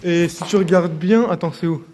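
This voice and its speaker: A man's voice: high voice, brisk, darkish tone, a little hiss or hum. A man talking casually as an exploration vlogger and guide, with slangy, crude, informal wording. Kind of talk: casual explorer vlog narration.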